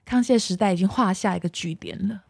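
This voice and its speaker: A woman with a Taiwanese Mandarin accent chatting casually as a podcast host, telling stories in an animated way and acting out quotes. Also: medium pitch, quick pace, creaky, dry recording, clean studio sound. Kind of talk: casual chat.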